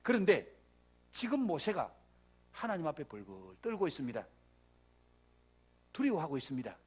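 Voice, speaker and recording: A man's voice: on the high side, huge pitch swings, normal speed, slightly rough. A middle-aged male pastor preaching a sermon. He tells the story dramatically, acting out the dialogue, and builds to emphatic points. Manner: dramatic, acts out dialogue between God and Moses. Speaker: senior pastor.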